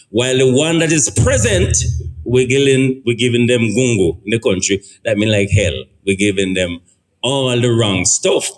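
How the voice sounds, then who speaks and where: Jamaican man, middle-aged, sermon-like storytelling, pitch jumps high to stress points, mid-range voice. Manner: often checks in with "right?". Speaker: speaker at a family forum. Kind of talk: sermon-like talk to parents and teens.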